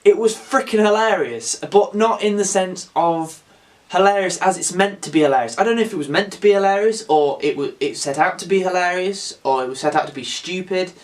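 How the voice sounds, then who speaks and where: A man casually reviewing a film on his channel, excitable and rambling, with some swearing. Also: high-pitched, brisk.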